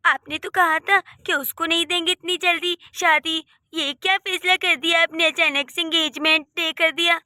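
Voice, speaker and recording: A woman's voice: very high-pitched, fairly even intonation, bright, forceful tone, dry recording, clean studio sound, exaggerated voice. A woman voicing a spoiled, boastful young woman in a cartoon who teases her sister-in-law. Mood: complaining. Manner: teasing, boastful, fast. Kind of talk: Hindi cartoon voice acting.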